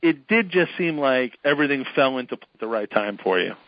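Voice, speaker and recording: A man's voice: medium pitch, animated, brisk, no room sound, muffled recording. Chatty male podcast host, dry sound. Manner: chatty, joking, laughs often. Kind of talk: casual podcast interview.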